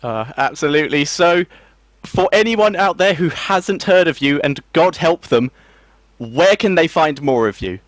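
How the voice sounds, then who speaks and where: A man hosting a show, upbeat and quick to laugh as he chats with his guest. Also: fairly high pitch, expressive, no room sound. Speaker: show host. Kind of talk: casual chat.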